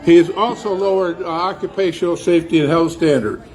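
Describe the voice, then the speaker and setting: A man's voice: sits high, a little fast, a little mellow, a faint crowd, poor audio. Man giving an earnest rally speech. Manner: earnest, with some hesitations. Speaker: rally speaker. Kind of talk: political speech. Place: outdoor protest rally.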